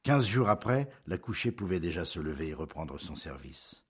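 A man narrating a classic novel as an audiobook in a measured, expressive storytelling manner. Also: deep voice, husky.

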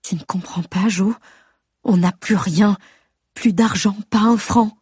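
Woman doing a scared mom pleading and spelling it out word by word, husky breathy voice, dry sound. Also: mid-range voice, normal speed, darkish tone, dry recording. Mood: pleading worried. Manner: pleading, articulating each word. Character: worried mother pleading with her drunk husband.

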